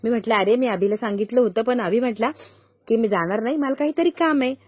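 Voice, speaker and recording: A woman's voice: fairly high pitch, fast, a little mellow, husky. A woman playing an indignant mother. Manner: defensive, insistent explaining. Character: middle-aged mother, defensive and indignant.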